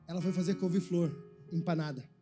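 A man with a Brazilian Portuguese accent preaching a sermon as a pastor. He tells a story quietly, then breaks into a sung, shouting preaching cadence. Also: fairly high pitch, steady tone, a little fast, over music.

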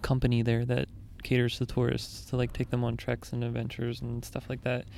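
A man's voice: medium pitch, completely flat delivery, a little fast, vocal fry, darkish tone, a little hiss or hum. A young man chatting casually about travels, easygoing and explanatory, with frequent fillers.

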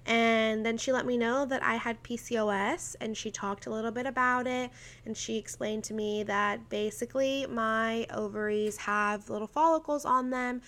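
A woman's voice: medium pitch, fairly bright tone. A woman in her twenties chatting through a personal story, filling her talk with "like" and quoted dialogue, emotional and laughing now and then. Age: 20s. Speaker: vlogger.

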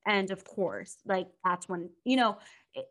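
A woman's voice: mid-range voice, unhurried, fairly bright tone. A young woman co-hosting a podcast, chatting casually and telling a story with lots of laughter. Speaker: podcast co-host. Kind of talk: casual chat recapping a reality show.

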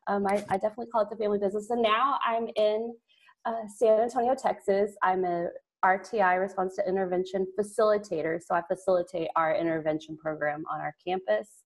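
A woman from rural southeast Oklahoma, a school intervention facilitator, talking about her career as a guest in a casual podcast interview, chatty and quick to laugh. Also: mid-range voice, fairly even intonation. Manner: chatty, laughs often, trails off.

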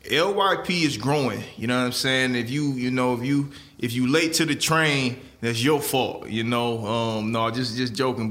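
Bright-voiced laid-back male podcast host. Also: medium pitch. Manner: laid-back, repeats "man" and "you know what I'm saying". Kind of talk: casual podcast interview.

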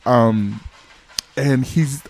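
A man's voice: medium pitch, drawn-out words, darkish tone. A man, co-hosting a podcast in casual chat, gossiping animatedly and swearing a lot. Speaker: podcast co-host.

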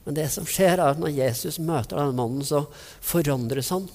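A man with a somewhat high voice delivers a sermon, telling stories vividly and acting out the people in them. His voice rings with the long reverb of a large hall. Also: a little mellow. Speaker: preacher.

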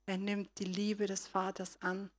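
A woman preaching a sermon in a voice of middling pitch. She retells a story and speaks straight to her listeners. Her loudness rises and falls between soft asides and strong appeals. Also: completely flat delivery, measured pace.

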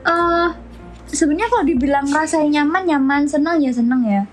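A woman's voice: high voice, brisk, music in the background. A young woman, telling a story animatedly as co-host of a casual chat. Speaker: podcast co-host.

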